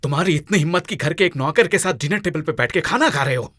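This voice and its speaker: An actor playing a proud, angry younger brother who scolds the servants, in a Hindi film drama. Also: male voice, a little high, expressive, fast talker, fairly bright tone, no echo, studio quality.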